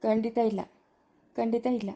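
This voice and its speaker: A woman's voice: fairly high pitch, flat delivery, moderate pace, mellow, slight background noise, lightly acted. A woman playing a kind, patient village man of forty-five who soothes and reasons with others in a family drama. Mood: soothing. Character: kind 45-year-old village man, calm peacemaker.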